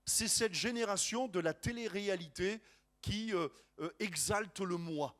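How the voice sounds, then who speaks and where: A man preaching a sermon as a pastor, lively and joking, with many restarts and asides to the congregation. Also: high-pitched, a little slow.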